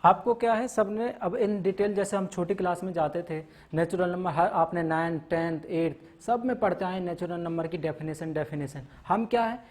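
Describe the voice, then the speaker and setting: A man with a high-pitched, darkish voice teaches maths at a moderate pace, hardly pausing. In this classroom lecture he takes students through listed topics step by step, mixing in English terms and repeatedly asking "theek hai na."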